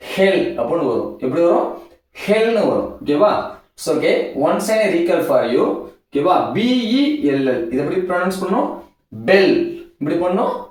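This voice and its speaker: A man's voice: high voice, a little mellow. Echoey distant male teacher. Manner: repetitive call-and-answer drilling, spells out letters. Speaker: English pronunciation teacher. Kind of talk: classroom-style phonics lesson. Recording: very echoey room, voice from far off.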